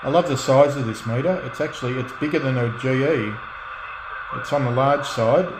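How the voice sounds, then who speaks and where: A middle-aged man with a mid-pitched voice presents his own channel as a radio hobbyist and restorer, chatting in a relaxed, off-the-cuff way. He's halting and reflective, feeling his way through sentences and often restarting phrases. Radio static and noise are clearly audible behind him.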